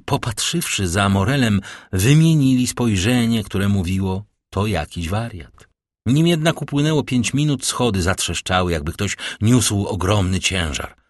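A man narrating a classic novel as an audiobook in a measured, dramatic reading. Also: fairly low pitch, dry recording, clean studio sound.

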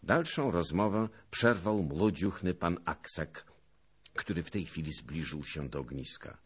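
Low-voiced husky male narrator. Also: animated. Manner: measured, subdued between character lines. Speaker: audiobook narrator. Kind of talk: scripted narration of a historical novel.

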